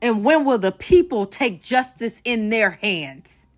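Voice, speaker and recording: A woman's voice: a little high, lively intonation, unhurried, faint music behind. A woman from the United States hosting an online show, giving impassioned commentary to camera, emphatic and outraged, repeating phrases for stress.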